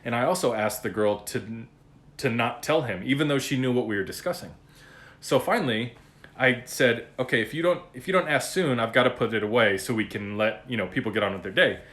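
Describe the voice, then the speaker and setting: A man hosting a podcast, talking in a blunt, profane and animated casual monologue about raising his kids. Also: medium pitch, a little fast. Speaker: podcast host.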